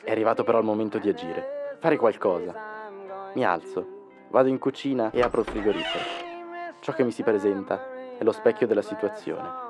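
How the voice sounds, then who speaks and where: A man's voice: on the low side, brisk, long pauses, music in the background, close to an everyday voice. A man playing a hesitant car buyer who keeps getting interrupted, also narrating his own story. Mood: brooding. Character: timid male car buyer. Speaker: customer and narrator. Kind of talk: comic audio sketch.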